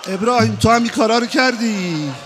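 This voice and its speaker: A male preacher reciting a mourning sermon, lamenting and sighing, moving between hushed grief and loud wailing. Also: extremely high pitch, a faint crowd, slight background noise.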